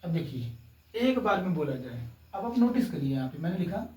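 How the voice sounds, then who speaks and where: Guy teaching a grammar lesson, higher voice, roomy echo. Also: sing-song, mellow, distant mic. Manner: slow, drawn-out explaining with frequent "ठीक है" checks. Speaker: English teacher.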